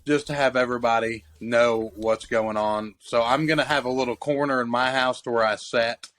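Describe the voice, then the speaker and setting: A man in his 20s co-hosts a casual podcast from a cold basement den in a house, telling profane, rambling stories into a handheld mic. His voice is medium-pitched and fairly bright, with fairly even intonation and a normal speed.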